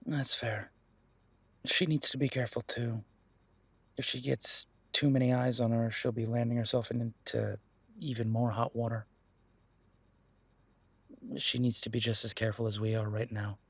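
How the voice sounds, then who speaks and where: Playing a werewolf detective boyfriend who is protective and anxious, a man speaks gently and soothingly, pausing hesitantly, in an intimate roleplay audio drama. His pitch is medium and level, edged with breathiness, with no echo, and his mood is concerned.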